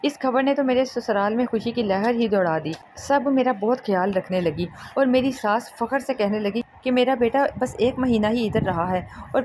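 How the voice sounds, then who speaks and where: A fairly high-voiced woman tells a first-person story in a dramatic, emotional way. A steady hiss of background noise sits under her narration. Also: low-quality recording.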